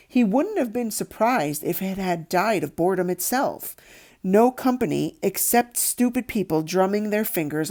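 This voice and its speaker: An audiobook narrator, a woman, reads a storybook aloud with a soft-edged, mellow voice. She tells it expressively, her pitch moving around a great deal.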